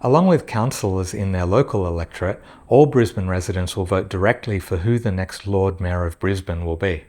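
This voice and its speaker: Aussie guy hosting an interview, kinda low voice, lots of ums and uhs. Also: a little fast, few pauses, a little mellow. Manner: hesitant, lots of fillers. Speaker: interviewer, channel host. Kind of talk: casual interview.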